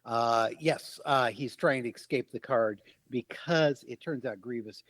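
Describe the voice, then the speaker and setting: A man's voice: mid-range voice, unhurried, a bit bright. A man co-hosting a live stream, making playful, joking asides. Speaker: co-host.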